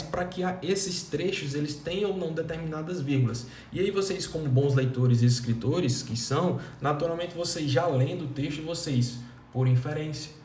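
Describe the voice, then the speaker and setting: Warm-voiced man teaching grammar. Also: mid-range voice, reverberant, distant mic, slight background noise. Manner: explanatory, poses many rhetorical questions. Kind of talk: recorded grammar lesson.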